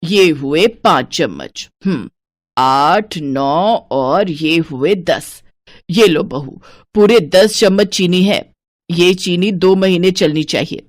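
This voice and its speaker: A penny-pinching cartoon mother-in-law scolds her household in a low, bossy voice, as a woman plays her. The sound is close and dry. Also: animated, slow, dry recording. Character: stingy, scheming middle-aged mother-in-law.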